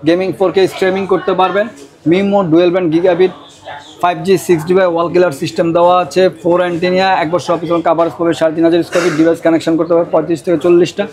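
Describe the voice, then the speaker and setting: A Bangladeshi man gives a hard-sell sales pitch in a high voice. He rattles along quickly as the presenter, insistently repeating prices and offers. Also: flat delivery, a little mellow, poor audio. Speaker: router seller presenting deals.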